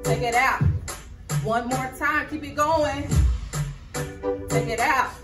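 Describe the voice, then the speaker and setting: A young American woman working as an aerobics instructor, calling out moves and counts to a group with energetic, drawn-out commands. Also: sits high. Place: large indoor hall with hard floor. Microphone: far camera. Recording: echoey room, distant mic, loud music. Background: loud workout music.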